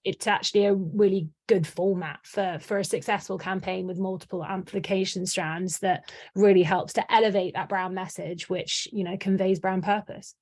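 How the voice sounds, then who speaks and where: A woman's voice: medium pitch, fairly even intonation, normal speed, darkish tone. A woman working in communications, talking enthusiastically as an interview guest, with many "you know"s. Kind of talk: podcast interview.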